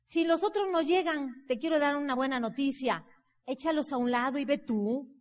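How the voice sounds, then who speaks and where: A woman's voice: high voice, normal speed. A woman giving a motivational seminar talk on network marketing, emphatic and building up with repeated phrases. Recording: long hall reverb from a live talk.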